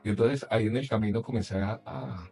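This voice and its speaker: Low-voiced Colombian journalist telling stories. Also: male voice, fairly quick, gravelly, breathy edge, faint music behind. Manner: animated anecdotes with frequent laughter. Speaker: journalist and announcer. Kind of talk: casual interview storytelling.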